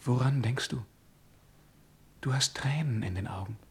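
An actor playing a brooding, lonely young lieutenant in a 1950s German radio play, speaking earnestly and with feeling. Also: male voice, medium pitch, moderate pace, husky, lightly acted. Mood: devoted. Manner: earnest, emotional, at times softly murmured. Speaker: lead character and first-person narrator.

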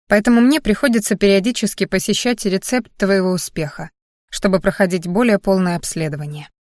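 Woman, audiobook narrator, first-person reading, mid-range pitch, dry close-mic sound. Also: no echo.

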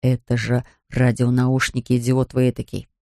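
A man voicing a pompous older male surgeon, gruff and sarcastic. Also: medium pitch, monotone, normal speed, darkish tone, no room sound, studio quality, pitched below the performer's own voice, close to an everyday voice.

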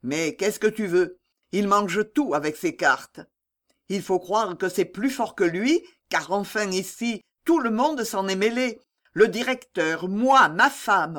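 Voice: mid-range voice, fairly bright tone. A reader voicing a worried, kindly factory fitter. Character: worried, kindly middle-aged male fitter.

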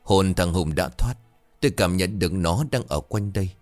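The solemn voice of an older village shaman giving instructions, as a man puts him on. It is deep and dry, with a steady, authoritative manner. It is read aloud as a ghost story. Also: normal speed, no room sound, soft background music, natural voice.

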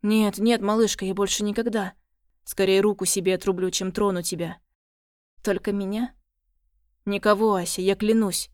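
A woman's voice: medium pitch, steady tone, normal speed, dry recording, clean studio sound, close to an everyday voice. A woman voicing a hot-tempered remorseful father. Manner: pleading, then shouting.

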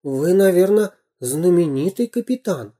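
A storyteller voicing a timid, frightened little boy in a storybook reading, pleading in a high, plaintive voice. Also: animated, a little slow, dark tone. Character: scared little boy sailor, timid and tearful.

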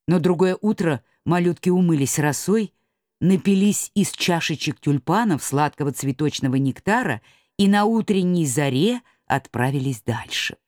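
Lively woman reading a fairy tale. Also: low voice, normal speed, no room sound, studio quality. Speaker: narrator. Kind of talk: storybook narration.

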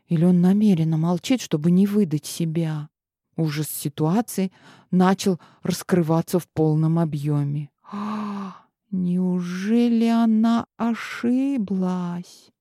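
A woman narrating a fantasy audiobook in an expressive, tense manner. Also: mid-range voice, no echo, studio quality.

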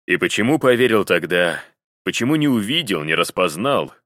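Deep-voiced man narrating a novel. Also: big pitch swings, normal speed, a bit bright, dry recording, clean studio sound. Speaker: audiobook narrator. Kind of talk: storybook narration.

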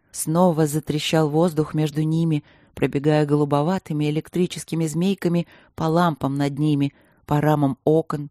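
A woman narrating an audiobook in an even, measured reading. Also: deep voice, no echo, studio quality. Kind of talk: scripted narration.

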